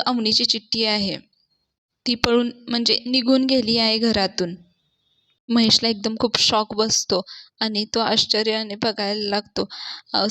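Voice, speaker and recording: A woman's voice: medium pitch, a bit bright, dry recording. A woman reviewing a TV serial episode, retelling the plot and quoting the characters' lines in her own plain voice, with hesitant restarts.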